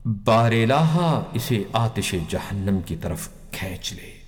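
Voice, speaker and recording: A man voicing a revered holy man speaking gravely and slowly in prayer, recorded with long hall reverb. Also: deep voice, expressive. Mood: imploring. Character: revered holy man praying solemnly, male, calm and grave.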